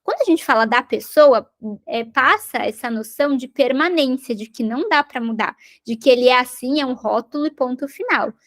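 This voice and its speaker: A woman's voice: high voice, normal speed, a bit bright. A woman giving a recorded lesson on parenting skills, explaining patiently and checking in with tag questions. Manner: explanatory, repeats and rephrases points, tag questions. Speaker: parenting educator.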